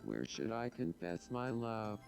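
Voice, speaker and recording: A synthetic-sounding man's voice playing a lovestruck, dim-witted cartoon game character, earnest and creaky. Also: fairly low pitch, sing-song, a little slow, a little mellow, soft background music, heavily acted. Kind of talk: game character text read aloud.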